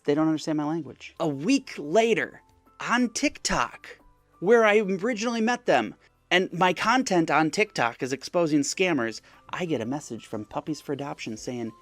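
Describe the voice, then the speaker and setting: A man's voice: on the high side, lively intonation, moderate pace, no room sound, faint music behind. A man telling the story of his chat with a scammer in a casual, mocking way, often acting out the messages. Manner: wry, mocking, acts out chat messages in other voices. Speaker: scam-baiting content creator.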